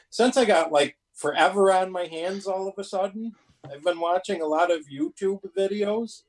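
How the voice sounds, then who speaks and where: On a live paranormal show, a panelist chats casually in a folksy, colloquial, rambling way. His voice is high-pitched with a darkish tone, and the audio is poor.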